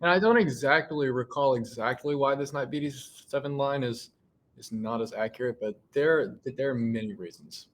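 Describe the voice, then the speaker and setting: A man's voice: mid-range voice, moderate pace, rough recording. Man commentating a chess game live. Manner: thinks aloud with frequent restarts and fillers.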